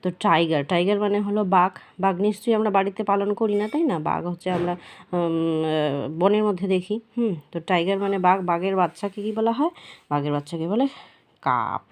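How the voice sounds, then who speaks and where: A woman teacher, explaining a children's workbook lesson patiently and repeating the answers slowly. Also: lowish voice, a little mellow.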